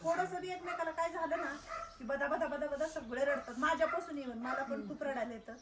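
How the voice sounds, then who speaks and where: A woman's voice: high-pitched, brisk, noisy background. Soothing woman in an echoey room. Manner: soothing, coaxing, repeats herself. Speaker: old age home caretaker. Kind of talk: casual reassuring talk to residents. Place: old age home, indoors, roomy.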